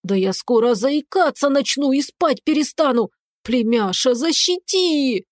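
A woman voicing a hysterical, whiny male talking cat who squeals and pleads in drawn-out wails. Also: high-pitched, animated, no echo, clean studio sound. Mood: whining complaining.

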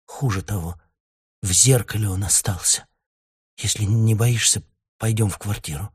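A man voicing a shaken, haunted young woman who speaks in a trembling hush in a storybook reading. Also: on the low side, normal speed, husky. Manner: trembling, hushed. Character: dazed, haunted young woman, cold and cerebral.

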